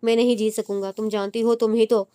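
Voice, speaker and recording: A woman's voice: a little high, flat delivery, a little fast, warm tone, clear, resonant tone, natural voice. A woman voicing a devoted young man who speaks tenderly and earnestly.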